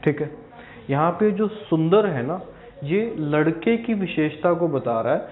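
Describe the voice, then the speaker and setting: A man's voice: on the high side, lively intonation, a little slow. A man teaching an English grammar lesson to exam students. He explains step by step, repeats key words for stress and keeps checking in with his class. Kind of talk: recorded video lesson for exam aspirants. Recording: echoey room, tinny phone-like sound.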